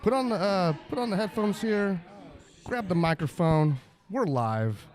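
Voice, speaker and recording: A man's voice: high voice, lively intonation, measured pace, darkish tone, a faint crowd. A man hosting a casual live interview, slangy and affirming, peppering his talk with bro and dude. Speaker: live show host.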